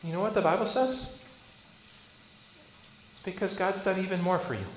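Pastor, male, high voice. Preaches with rhetorical questions and sharp shifts between loud and soft. Roomy church sound with faint background hum. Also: normal speed. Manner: asks rhetorical questions, swings between loud bursts and hushed lines. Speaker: Lutheran pastor. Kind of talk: sermon.

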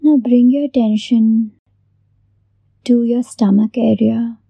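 A woman hosting a guided meditation in a soft, breathy near-whisper, gently giving unhurried instructions with long pauses. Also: a little high, fairly even intonation, no room sound, dull audio. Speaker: meditation host.

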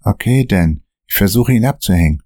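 A man's voice: fairly low pitch, lively intonation, moderate pace, warm tone, dry recording, clean studio sound, close to an everyday voice. A man voicing a firm, urgent young man who pleads with his friend, in a read-aloud story. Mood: tense. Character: determined young man searching for answers.

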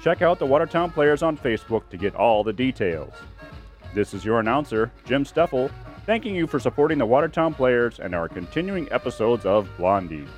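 A man's voice: mid-range voice, sing-song, brisk, soft background music. A man giving a scripted radio-style announcement as the show's announcer.

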